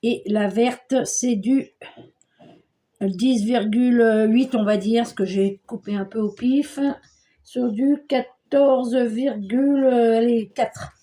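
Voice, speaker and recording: Slow, mellow older woman crafting. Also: fairly high pitch, fairly even intonation. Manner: chatty, homely, narrates her hands at work. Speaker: scrapbooking crafter. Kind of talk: casual crafting tutorial.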